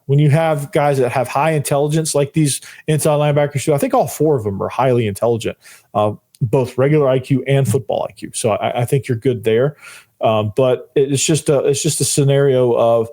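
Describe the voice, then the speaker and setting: A man hosting a sports podcast with a hoarse, worn-out voice, giving informal football analysis and repeating phrases for emphasis. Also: medium pitch, warm tone. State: hoarse, voice nearly gone. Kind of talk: solo football analysis commentary.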